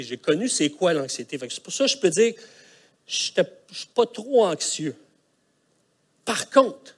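A middle-aged man with a Quebec French accent, preaching a sermon as a colloquial, animated story with vocal sound effects. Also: fairly high pitch. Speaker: pastor.

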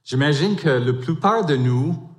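A man in his fifties whose first language is English, giving a church sermon with an English accent, halting with many fillers and restarts. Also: fairly high pitch, animated, roomy sound. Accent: English-speaking, in French. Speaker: pastoral council member.

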